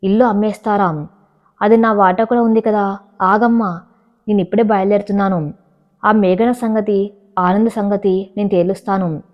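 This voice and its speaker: A fiery, money-minded elder sister who shouts accusations, as a woman reading the story puts her on. Middling pitch, and the lo-fi recording gives her a dull, muffled edge. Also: steady tone, moderate pace, pauses often, natural voice. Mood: alarmed. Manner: shrill accusing outbursts. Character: hot-tempered greedy elder sister.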